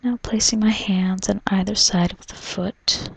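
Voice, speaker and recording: A woman doing an ASMR role-play as a spa massage therapist, in a soft, soothing, breathy soft voice, narrating gently. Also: mid-range voice, fairly even intonation, measured pace, slight background noise, poor audio. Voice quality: breathy, mostly unvoiced soft voice. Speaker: reflexologist giving a foot massage.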